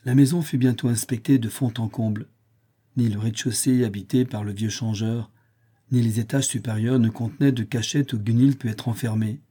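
Male narrator, audiobook, measured reading, mellow timbre, slightly raspy. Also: mid-range voice, steady tone.

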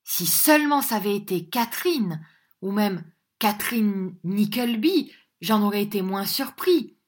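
A woman's voice: medium pitch, animated, measured pace. A woman reading a story aloud, voicing an indignant young man muttering to himself in disbelief. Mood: musing. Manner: musing half aloud, disbelieving.

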